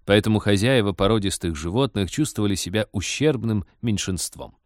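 Man reading a story aloud, low and dry. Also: brisk, no room sound. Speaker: narrator. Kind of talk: audiobook reading.

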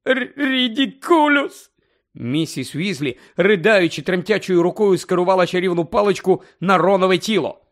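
A man narrating a fantasy audiobook in an expressive, dramatic reading style. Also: high-pitched, a little fast, hardly any pauses. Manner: dramatic, shifting tone with the story.

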